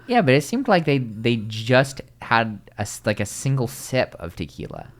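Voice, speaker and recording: Lively, rambling man hosting a podcast. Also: medium pitch. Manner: rambling, quick asides and many restarts. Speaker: podcast host. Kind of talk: casual podcast chat.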